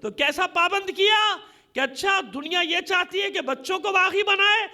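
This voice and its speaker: With a very high, bright and forceful voice at a moderate pace, a Pakistani man preaches an impassioned Shia sermon. The gathering in the congregation hall hears him speak emphatically and repetitively, asking rhetorical questions.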